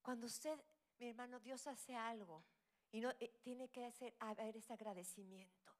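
A woman, middle-aged, preaching a sermon, her delivery swinging between loud cries and hushed whispered asides. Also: sits high.

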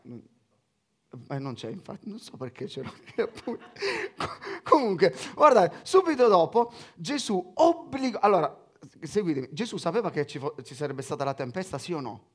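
Male preacher, sermon delivery, high and lively voice, jokey asides between scripture readings. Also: moderate pace. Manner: animated, joking asides while reading scripture.

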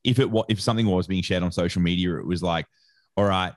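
Fast-talking and low-voiced, an Australian sports nutrition educator relates a story as an interview guest, using informal slang and lots of reported dialogue. It's a dry, studio-quality recording.

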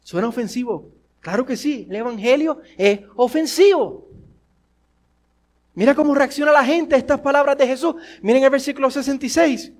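A man with a notably high-pitched voice preaches a sermon to his congregation. He fires off rhetorical questions, repeats them, and moves from forceful lines to near-hushed ones. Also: normal speed. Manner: swings between forceful and hushed delivery. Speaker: pastor.

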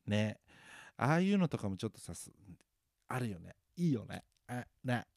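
A man's voice: medium pitch, very animated, moderate pace, vocal fry, a little mellow, no room sound, clean studio sound. A man chatting alone, self-mocking and rambling, with many fillers. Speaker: podcast host. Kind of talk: casual solo chat.

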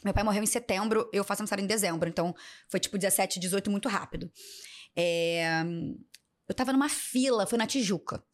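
A woman's voice: mid-range voice, fast. A young woman, a podcast guest telling a personal story and acting out the people in it. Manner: animated, acts out the people in her story. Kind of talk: casual storytelling in an interview.

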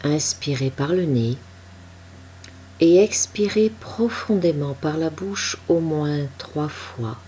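A woman with a deep, low voice guides a meditation, speaking very slowly and softly. Her instructions come calm and unhurried, with a faint ambient hum behind her.

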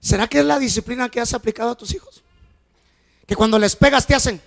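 A middle-aged male pastor preaching an animated sermon, swinging from shouting to soft storytelling. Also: very high voice, fast, creaky.

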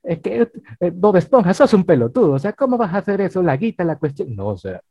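A man's voice: high voice, big pitch swings, a little fast, mellow, husky, dry recording, lo-fi sound, voice pushed up, exaggerated voice. Man putting on an exasperated Argentine cartoon squid. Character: grumpy male cartoon squid with an Argentine twang.

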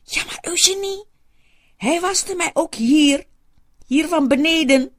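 A woman's voice: high-pitched, takes it slowly, voice pushed up. A woman putting on a plaintive, bashful patient. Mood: upset.

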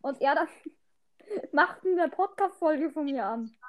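Excitable woman, high voice, casual podcast chat. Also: slow pace.

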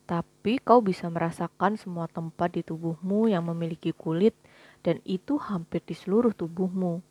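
A woman voicing a calm, patient angel who explains things evenly, in a storybook reading, with a breathy voice. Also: mid-range voice, normal speed, voice pushed down, lightly acted.

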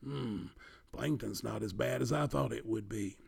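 A big, friendly storybook monster who is earnest and good-humored, as a man reads him. His voice is gravelly and husky and sits close to the reader's own. He speaks plainly and warmly to his listeners. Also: mid-range voice, normal speed.

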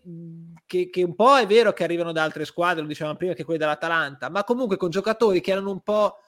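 High-voiced man arguing football. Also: fast, a bit bright. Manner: argumentative, sweary, explanatory. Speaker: football fan panelist. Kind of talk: casual football discussion.

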